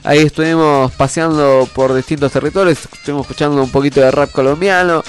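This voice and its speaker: A man with an Argentine accent hosts a community radio show in a conversational, earnest manner while music plays underneath. A cold has left him congested and his voice nasal, and he talks quickly in a slightly high voice with fairly even intonation.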